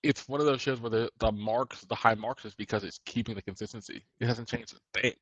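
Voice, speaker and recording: A man's voice: medium pitch, fairly even intonation, fairly quick, a bit bright, dry recording, dull audio. Male co-host, casual rambly talk, dry close sound. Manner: rambling, restarts sentences often. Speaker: podcast co-host. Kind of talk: casual chat.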